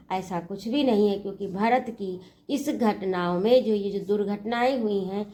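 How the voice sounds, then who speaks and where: A woman's voice: mid-range voice, a little mellow. A woman teacher explaining a poem, reciting each line and then paraphrasing it in simple words. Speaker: Hindi teacher.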